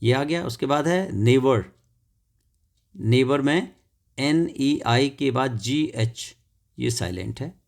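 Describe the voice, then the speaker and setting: Man, English teacher, slow delivery, spells words letter by letter, repeats key words. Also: medium pitch, animated, vocal fry. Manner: repeats words and adds "theek hai" checks. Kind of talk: classroom lesson explanation.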